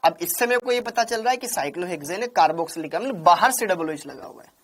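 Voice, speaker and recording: A man's voice: high-pitched, animated, quick pace. A man teaching chemistry in an online class, drilling points over and over and scolding students by name. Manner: calls students by name and "beta".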